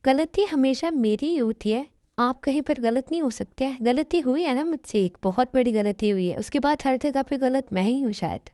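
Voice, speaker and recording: A woman voicing a gentle, hurt young wife who pleads softly, in a fan dub. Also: sits high, normal speed, no echo, studio quality, natural voice. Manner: soft, pleading.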